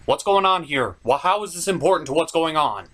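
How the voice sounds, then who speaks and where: A comic reviewer hosts a scripted, skit-filled review, his delivery theatrical and exasperated. His voice is a little high, a bit bright, animated, and fairly quick.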